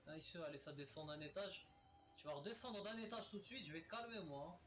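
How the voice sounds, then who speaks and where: Excitable man yelling over gameplay. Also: a little high, fairly quick, faint music behind. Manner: excitable, exclaiming, swearing at enemies. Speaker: let's play gamer. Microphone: webcam's built-in microphone.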